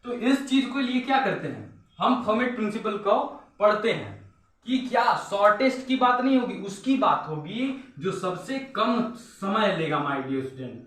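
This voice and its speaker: A male physics teacher giving a classroom lecture, often stopping to ask his students if it is clear. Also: high-pitched, very animated, a little slow, fairly bright tone. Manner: repetitive, keeps asking "is it clear", says "my dear students". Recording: echoey room, mic far off.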